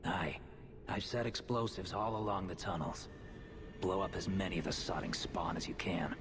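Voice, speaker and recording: Gruff low dwarf demolition man for a fantasy game, blunt old-timey talk, noisy ambience behind. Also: steady tone, moderate pace. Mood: gruff, stoic. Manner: blunt, old-fashioned phrasing. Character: gruff male dwarf Warden, stoic explosives man. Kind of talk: video game voice acting. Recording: clear background ambience noise.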